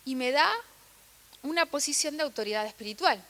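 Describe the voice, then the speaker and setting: A young woman with a Rioplatense Spanish accent, preaching a sermon in an animated, emphatic way, with asides and bits of laughter. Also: high voice, fairly quick, in a large hall.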